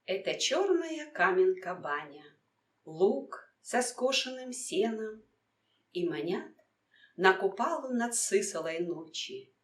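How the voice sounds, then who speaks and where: Echoey, distant woman declaiming poetry slowly. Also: mid-range voice, very animated. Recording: echoey room, distant microphone.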